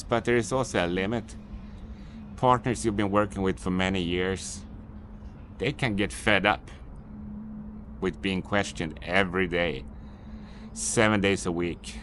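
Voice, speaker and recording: A Swedish business owner who vlogs talks to camera on a city street in unscripted English; his voice is a little low and a bit bright. His advice rambles, repeats itself and carries some admitted annoyance. A faint city hum plus a little hiss runs underneath.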